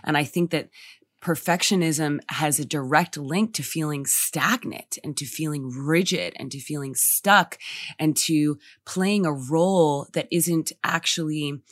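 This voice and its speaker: A podcast guest in a casual spiritual conversation speaks reflectively and emphatically, often repeating her phrases. Her voice is low and unhurried, in a dry recording.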